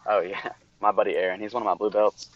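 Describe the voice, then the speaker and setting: A man's voice: on the low side, level tone, quick pace, no echo, dull audio, voice pushed down, close to an everyday voice. A man calling in to a live podcast from a car, laid-back and joking.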